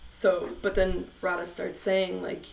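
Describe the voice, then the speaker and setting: A woman's voice: fairly low pitch, a little slow, creaky, low-quality recording. A young woman chatting casually, recapping a story and acting out the characters' lines. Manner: animated retelling, acting out quotes.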